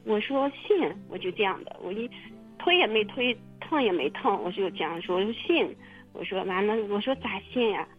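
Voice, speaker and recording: A woman telling her own story in casual testimony, halting and repeating her words with many fillers. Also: mid-range voice, expressive, faint music behind. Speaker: testimony guest. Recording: muffled phone-line radio recording.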